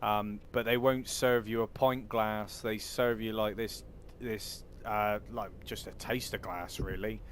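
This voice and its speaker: Cornish bloke streaming a driving game, lowish voice, rambly chat, engine noise in the back. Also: male voice, flat delivery, unhurried, few pauses. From Cornwall, southwest England. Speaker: game livestreamer chatting with viewers. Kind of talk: casual chat over gameplay. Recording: clear background vehicle noise.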